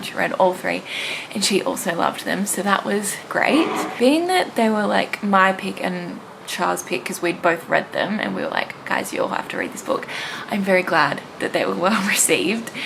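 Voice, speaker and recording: A young woman who vlogs about books chats casually to the camera, gushing and rambling in an informal way. Her medium-pitched voice is gravelly, and there's noticeable background noise in the recording.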